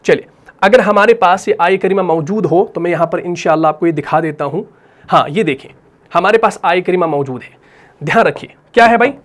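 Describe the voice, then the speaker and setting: A man with a Pakistani Urdu accent gives a tajweed lesson. He explains each rule patiently and says it again more than once. He stretches vowels out slowly to show how a recitation should sound. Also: high voice. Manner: explains patiently, repeats rules, models drawn-out recitation. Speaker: Quran recitation teacher.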